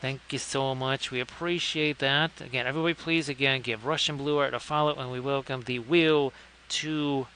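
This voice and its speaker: Bright-voiced man hosting a live stream. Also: mid-range voice, steady tone, normal speed, slight background noise. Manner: chatty, thanks viewers, wry asides. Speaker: live-stream host painting miniatures. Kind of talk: casual live-stream chat.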